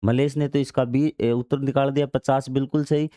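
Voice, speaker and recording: A man's voice: medium pitch, little pitch movement, fairly quick, dark tone, no echo, studio quality. A man teaching a maths lesson, reading out textbook passages and then explaining them in everyday words, asking questions and answering them himself. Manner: asks questions and answers them himself, repeats key steps.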